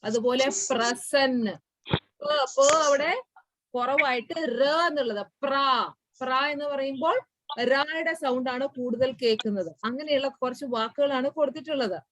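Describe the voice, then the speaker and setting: A woman's voice: high-pitched, slight background noise, low-quality recording. Malayali woman teacher sounding out syllables. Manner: repeats words slowly, sounding out syllables. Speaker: school Hindi teacher. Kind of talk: online class explanation.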